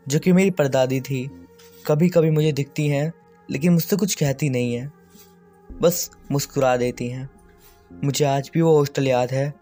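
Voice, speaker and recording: A man's voice: medium pitch, mellow. Man narrating a horror story. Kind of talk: first-person horror storytelling. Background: faint background music.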